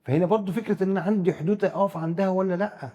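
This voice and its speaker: Fast-talking Egyptian man, husky and dark. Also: high-pitched, steady tone, in a large hall. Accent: Egyptian Arabic. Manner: rapid, explains with first-person examples, frequent stammered restarts. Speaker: psychiatrist guest expert. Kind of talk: explanatory discussion.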